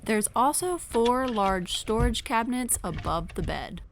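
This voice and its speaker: A woman's voice: on the high side, animated, unhurried, a little hiss or hum. A woman vlogger adding informal, upbeat voice-over notes to a tour video.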